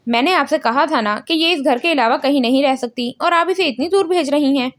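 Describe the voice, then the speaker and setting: A woman voicing a gentle, teasing young man in a storybook reading, calm and soothing. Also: high-pitched, natural voice.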